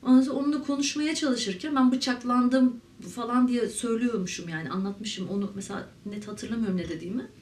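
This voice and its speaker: A woman's voice: a little high, fairly even intonation, darkish tone. Woman recounting a trauma, roomy and distant. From Turkey. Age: 30s. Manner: candid, reflective, halting with fillers. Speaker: interviewee, ceramic artist. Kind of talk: personal testimony to camera. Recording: roomy, mic at a distance, faint ambience.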